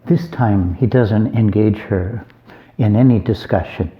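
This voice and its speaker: Low-voiced man giving a chatty homily. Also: measured pace, highs cut off. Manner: conversational, with folksy asides and joking. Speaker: abbot. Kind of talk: informal homily retelling a Gospel reading.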